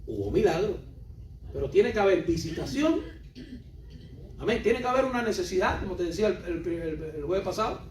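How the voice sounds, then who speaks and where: Male preacher, high voice, emphatic and repetitive, recorded off-mic in an echoey church hall. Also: brisk, darkish tone, a little hiss or hum. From Cuba. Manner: emphatic and repetitive, questions the congregation directly. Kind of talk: sermon. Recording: roomy hall, voice from a distance.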